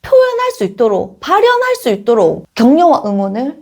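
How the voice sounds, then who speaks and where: A middle-aged woman, an early childhood educator, giving informal parenting advice to a companion, expressive and often laughing. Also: a little high, a little fast. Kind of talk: casual advice talk to a companion.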